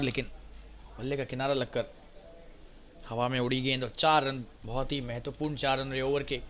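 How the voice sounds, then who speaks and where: Bright, excited male cricket commentator. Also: mid-range voice. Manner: excited cricket commentary, voice surging on big shots. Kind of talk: live cricket commentary in Hindi.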